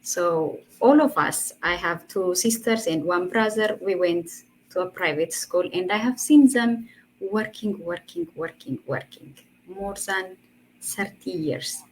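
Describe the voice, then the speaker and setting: A woman's voice: lowish voice, a little slow, slight background noise, poor audio. A woman, a guest telling her story earnestly over a video call in a casual interview. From Ethiopia. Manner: earnest, laughs between phrases. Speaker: guest, online entrepreneur.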